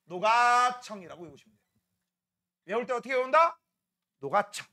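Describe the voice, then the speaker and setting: A man's voice: very high voice, animated, normal speed, pushed and bright. A man teaching a science class, teasing and bantering with his students in a casual, colloquial way. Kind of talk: classroom lecture.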